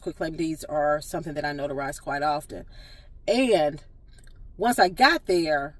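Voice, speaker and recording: A woman's voice: on the low side, far from the mic. A woman notary public telling a story to camera, earnest and direct, firm on principle.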